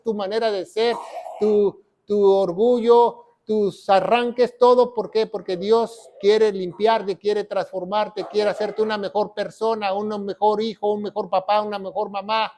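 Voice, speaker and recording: A man. He teaches emphatically, pressing rhetorical questions and tag words, and swells louder whenever he reads scripture aloud. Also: high voice, level tone, a little slow. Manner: emphatic preaching, rises loud on scripture quotes, rhetorical questions. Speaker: pastor. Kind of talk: sermon teaching.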